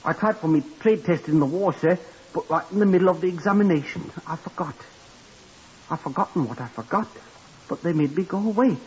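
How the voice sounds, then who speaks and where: A man's voice: fairly high pitch, fairly quick, husky. An eager lift boy. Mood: eager, deferential. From Blackpool, Lancashire. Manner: deferential, ends nearly every phrase with "sir". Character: eager simple-minded young male hotel lift attendant. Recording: hissy, dull 1950s radio broadcast.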